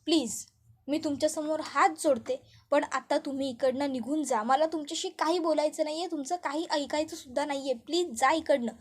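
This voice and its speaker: Woman narrator voices a hurt young woman, firm and restrained; high pitch. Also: brisk, close to an everyday voice.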